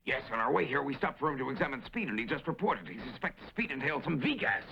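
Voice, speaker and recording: A stern gravelly cartoon dad. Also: male voice, medium pitch, big pitch swings, fast, pushed and bright, full character voice. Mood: explaining. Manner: stern, lecturing. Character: gruff middle-aged father and car builder. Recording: dull old cartoon dub audio with music.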